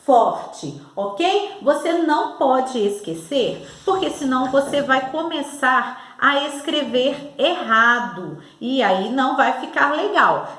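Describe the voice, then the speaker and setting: A woman's voice: fairly high pitch, a bit bright, a little hiss or hum. Brazilian woman, primary teacher, spelling lesson, over-enunciated, very echoey room. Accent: Brazilian Portuguese. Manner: patient, over-enunciating, addresses the child directly. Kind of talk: slow, sing-song spelling lesson for young children.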